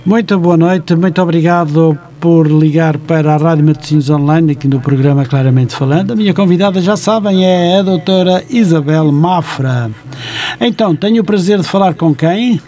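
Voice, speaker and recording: A man's voice: fairly high pitch, steady tone, normal speed, dark tone. A man with a European Portuguese accent hosting a live radio call-in interview, courteous and conversational. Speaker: radio host. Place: radio studio. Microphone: studio microphone.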